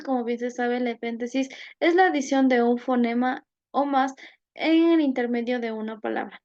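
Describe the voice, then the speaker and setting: High-voiced woman reading a class talk. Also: a little mellow, dull audio. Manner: methodical, lists examples one by one.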